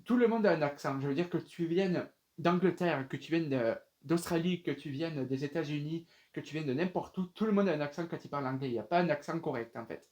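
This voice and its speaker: A man's voice: a little high, brisk, darkish tone, lo-fi sound. A young man casually telling a personal story to viewers, rambling with many fillers and restarts. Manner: addresses viewers directly.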